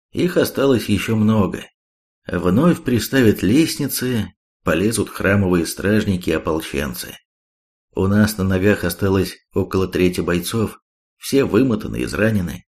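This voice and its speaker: A man reading the part of a calm, sad, resigned male war chief in an audiobook. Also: sits low.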